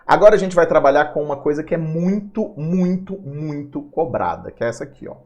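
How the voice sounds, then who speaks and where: A man's voice: a little high, quick pace, muffled recording. A man teaching an exam-prep grammar lesson, playful and chatty, often talking to himself. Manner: lively, playful, talks to himself.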